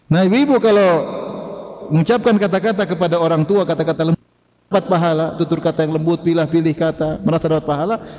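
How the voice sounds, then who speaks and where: A man's voice: a little high, steady tone, fast, darkish tone. A male preacher giving a conversational sermon, questioning the audience and laughing now and then. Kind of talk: sermon lecture. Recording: dull reverberant hall recording.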